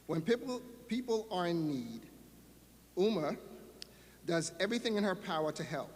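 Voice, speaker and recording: A man's voice: high-pitched, sing-song, moderate pace. A man introducing a speaker over a PA system. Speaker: ceremony presenter. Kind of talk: formal introduction. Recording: reverberant PA sound with faint background noise.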